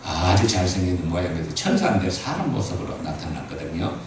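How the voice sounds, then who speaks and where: A man's voice: deep voice, expressive, a little fast, darkish tone, a little hiss or hum. Older guy pastor doing a folksy sermon, acts out the bible dialogue, big echoey hall, mic kinda far off. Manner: folksy storytelling, acting out Abraham and God in dialogue. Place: church sanctuary.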